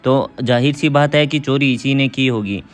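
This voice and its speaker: A man's voice: mid-range voice, moderate pace, faint music behind, close to an everyday voice. Accusing rich housewife, read by a man. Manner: accusing, scolding.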